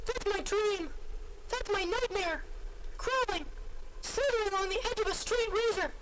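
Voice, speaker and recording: A performer voicing an insane cartoon mouse in squeaky falsetto, ranting in a parody radio drama on a noisy tape. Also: moderate pace. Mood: manic. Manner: ranting, exclaiming. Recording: noisy monitored tape recording.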